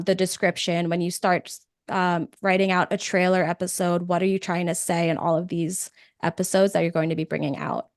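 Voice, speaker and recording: A woman's voice: fairly low pitch, no room sound, studio quality. Chatty woman presenting a webinar. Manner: conversational, energetic, with frequent "um" fillers. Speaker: webinar presenter, podcast producer.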